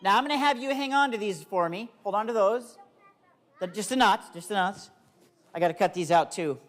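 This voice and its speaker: A man with a high, fairly quick, slightly bright voice performs as the magician in a live comedy magic show for kids. He coaxes small volunteers with simple phrases, then turns to the audience with playful showman patter.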